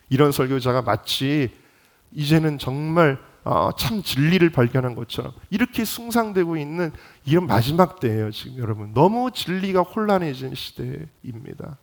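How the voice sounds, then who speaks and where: A man's voice: mid-range voice, gravelly. Impassioned male pastor preaching a sermon. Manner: impassioned, rising to emphatic peaks; addresses congregation directly, rhetorical questions. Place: church sanctuary.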